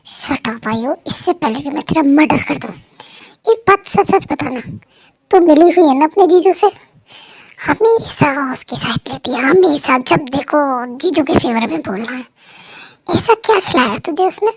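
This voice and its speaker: A woman's voice: sits high, animated, normal speed, vocal fry. A woman playing a jealous, short-tempered young wife who scolds in an exasperated way, in a fan story role-play.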